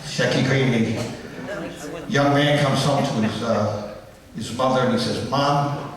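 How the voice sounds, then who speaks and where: A man's voice: mid-range voice, steady tone, unhurried, a crowd in the background. Older man telling jokes on a stage. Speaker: emcee and joke teller. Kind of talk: stage joke telling at a variety show. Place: theater stage. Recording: echoey hall from far off, faint noise.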